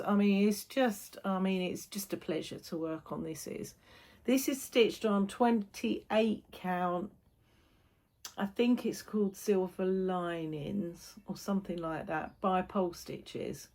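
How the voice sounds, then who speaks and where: A woman with a British accent chatting casually as a vlog host, often repeating phrases for emphasis. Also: lowish voice. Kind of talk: casual chat.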